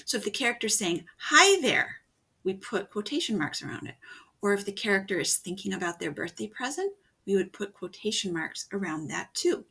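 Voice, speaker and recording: A woman teacher giving a video writing lesson for children, explaining slowly and patiently step by step. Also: mid-range voice, lively intonation, gravelly, a bit bright, husky.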